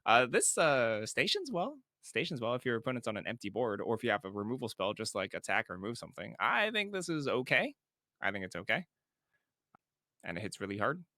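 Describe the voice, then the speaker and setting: Man, podcast co-host, bright voice, dry close mic, reads text then weighs in. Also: mid-range voice, big pitch swings, no echo. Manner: reads card text aloud then judges it, quick to laugh. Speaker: co-host of a card game podcast. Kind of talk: casual card review chat.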